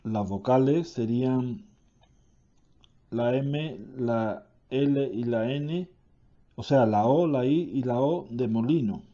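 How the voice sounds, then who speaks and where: A man reading a grammar lesson aloud, slowly and deliberately, correcting himself now and then. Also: mid-range voice, warm tone, muffled recording.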